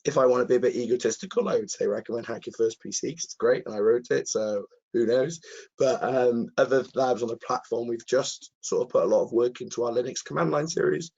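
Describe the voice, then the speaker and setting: A man with a hoarse, croaky voice answers questions as an earnest, enthusiastic presenter in a live webinar. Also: medium pitch, fairly quick, a little mellow, dull audio. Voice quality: croaky, husky. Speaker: presenter, cyber security content author.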